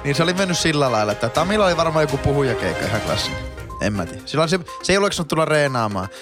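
A man's voice: fairly high pitch, very animated, over music. A man co-hosting a casual podcast, making dry jokes and rambling explanations. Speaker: podcast co-host.

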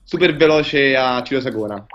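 A man's voice: mid-range voice, normal speed, fairly bright tone. A man calling in to a live show, heard over a call line, talking hesitantly and restarting his sentences. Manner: hesitant, searches for words, many restarts. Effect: heard over a call line, dull and muffled. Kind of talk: casual chat. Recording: dull lo-fi call audio.

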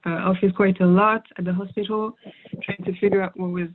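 Speaking fairly quickly with medium pitch and little variation, a young woman whose first language is French answers interview questions as a guest. Her replies are thoughtful, with many fillers and restarts. The phone-like recording is narrow with slight background noise.

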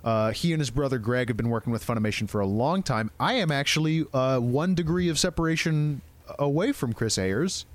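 A man co-hosting a podcast in casual chat, excited and swearing freely, with quick asides. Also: medium pitch, no echo. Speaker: podcast co-host.

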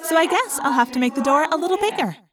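A woman's voice: high-pitched, lively intonation, fast, over music, voice pushed up. A woman voicing a bold teenage girl who gives orders to her friends. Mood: cocky. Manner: commanding, brash.

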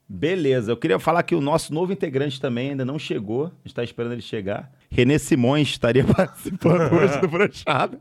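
A man's voice: medium pitch, lively intonation, fast, hardly any pauses. A man with a Brazilian Portuguese accent hosting a podcast in casual, joking chat, swearing freely. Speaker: podcast host.

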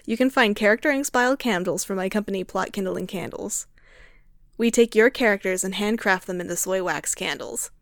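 A woman's voice: medium pitch, a little fast, no room sound, clean studio sound. A woman host and game master, reading friendly, upbeat credits and promos for her actual-play podcast.

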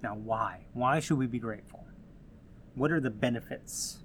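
Male host, mid pitch, earnest and encouraging, casual advice-giving tone, faint background hum. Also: normal speed, a bit bright. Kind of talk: casual motivational talk.

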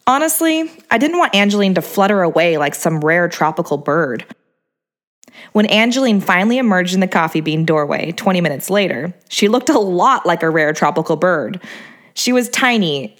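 A woman narrating her memoir in a wry, self-mocking tone. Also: on the low side.

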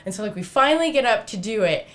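A woman's voice: a little high, animated, fast talker, fairly bright tone. A young adult woman, a podcast guest, chatting casually and telling a story with lots of fillers, swearing and laughter, in a small studio. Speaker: podcast guest, lead singer. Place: small hot studio room.

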